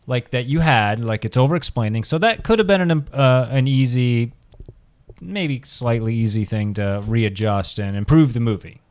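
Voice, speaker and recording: A man's voice: mid-range voice, normal speed, a little mellow. A man co-hosting a podcast in casual chat, rambling with many restarts. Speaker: podcast co-host.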